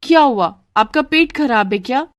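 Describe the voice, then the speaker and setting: A woman voicing a cheeky, teasing young daughter-in-law in a cartoon, in a higher voice. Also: lively intonation, normal speed, dry recording, studio quality. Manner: cheeky, teasing back-talk.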